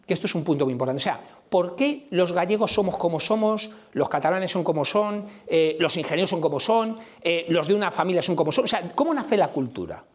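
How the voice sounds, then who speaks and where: A middle-aged Spanish man with a Madrid accent gives a conference talk before a live audience in a conference room, blunt and colloquial, firing questions at the listeners. His voice sits high with lively intonation and a slightly fast pace.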